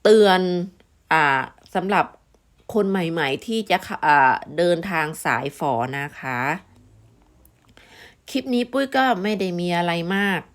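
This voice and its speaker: A woman's voice: on the low side, lively intonation, slow, clear, resonant tone. A Thai woman vlogger with an Isan accent, chatting casually to her viewers, giving friendly warnings with many fillers.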